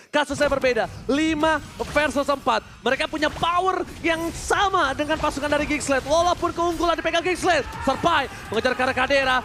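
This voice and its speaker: An Indonesian man commentating an esports match like an excited game announcer, dramatic and emphatic, mixing in English gaming terms. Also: very high voice, a little hiss or hum.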